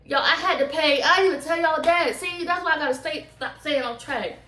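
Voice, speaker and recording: A woman vlogger chats casually to camera in a storytime style, rambling, slangy and full of emphatic repeats. Her voice sits high with a sharp tone and a slightly fast pace, recorded on a distant microphone with roomy echo.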